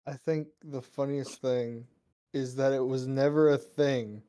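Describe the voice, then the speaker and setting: A man with a smooth, mellow voice chats in a relaxed way on a podcast and laughs often. His tone stays soft and rounded. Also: mid-range voice, a little slow. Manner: laughs a lot, relaxed comments. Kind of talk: casual podcast chat.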